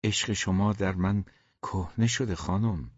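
A man's voice: deep voice, steady tone, husky, no echo. A man voicing a timid, brooding grown man who speaks in a subdued, hesitant way, in a dull, dry recording.

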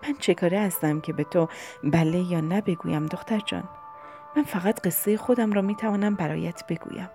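A woman reading as a gentle lonely old aunt. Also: fairly low pitch, over music, natural voice. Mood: tender, wistful.

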